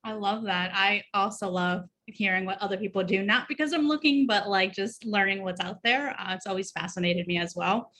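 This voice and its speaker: A woman's voice: medium pitch, moderate pace, few pauses, a bit bright. A woman moderating an online career panel in an upbeat, chatty way, passing questions on to the speakers. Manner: upbeat, chatty, hands the floor on.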